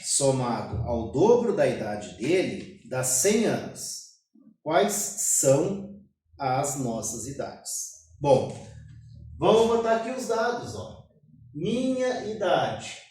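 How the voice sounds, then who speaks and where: A man's voice: a little high, a little mellow. A male math teacher with a Brazilian Portuguese accent, giving a classroom lecture and explaining each step with a short cough now and then. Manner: explains step by step, keeps saying "ó". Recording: very echoey room, mic far off.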